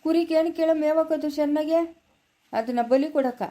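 A woman's voice: high-pitched, fairly quick, mellow, natural voice. Woman voicing a blunt gossiping cartoon man. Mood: ominous. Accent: rural Karnataka Kannada. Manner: ominous, blunt. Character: gossiping male relative, knowing and blunt.

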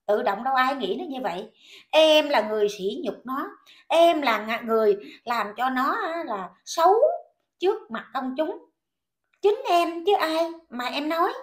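A woman with a Southern Vietnamese accent, ranting in an indignant, scolding commentary vlog full of repeated questions. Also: high voice.

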